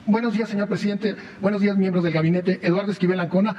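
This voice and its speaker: A man asks a question at a press conference in a fairly high voice, hesitating and filling gaps as he goes. His voice sounds dull and muffled, carried through a long-reverb hall with a faint hiss behind it. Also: fairly even intonation, fast. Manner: hesitant, with fillers. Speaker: reporter asking a question.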